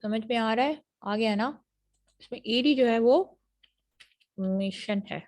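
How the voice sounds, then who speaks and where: A woman's voice: fairly high pitch, darkish tone. A woman with a Pakistani accent giving an online university phonetics lecture, explaining patiently and checking often whether students understand. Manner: explanatory, repeats English phrases slowly then fast.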